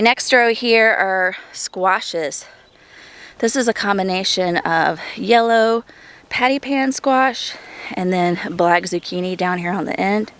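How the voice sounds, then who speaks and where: A woman in her thirties walks through her vegetable garden outdoors, chatting eagerly as she points things out. Her voice has a gravelly, creaky edge and sits at a middle pitch. She is a little out of breath from the heat. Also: a bit bright. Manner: chatty, enthusiastic, thinking aloud. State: hot and breathing heavily. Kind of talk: casual garden tour vlog.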